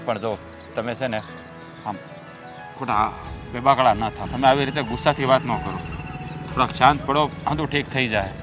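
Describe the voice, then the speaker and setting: An actor playing the headman's conciliatory younger brother, who speaks calmly and earnestly. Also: medium pitch, normal speed, long pauses, over music, lightly acted. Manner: calm, soothing, earnest. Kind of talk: village family stage drama.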